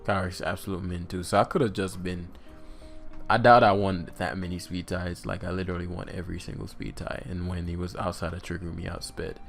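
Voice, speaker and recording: Deep gravelly man commenting on gameplay. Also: little pitch movement, brisk, soft background music. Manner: thinking aloud, muttering, many fillers. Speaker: competitive game player and commentator. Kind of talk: casual live gameplay commentary.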